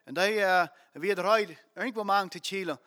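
A man's voice: sits high, brisk, bright, forceful tone. A man preaching a sermon, telling a story earnestly and with emphasis, with frequent fillers as he goes.

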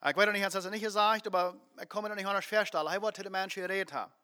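A man's voice: high voice, fairly even intonation, fast, pushed and bright. A man preaching a sermon, telling a story earnestly and with emphasis, with frequent fillers as he goes.

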